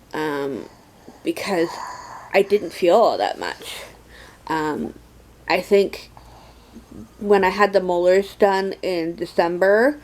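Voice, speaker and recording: A young woman talks through a casual vlog update at a very unhurried pace. Her voice sits a little low for a woman, and her words come out slurred and lisping, as from a mouth without teeth. She pauses often as she goes. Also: darkish tone, low-quality recording. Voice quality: slurred, lisping toothless speech. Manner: slow, halting, with many pauses. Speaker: vlogger.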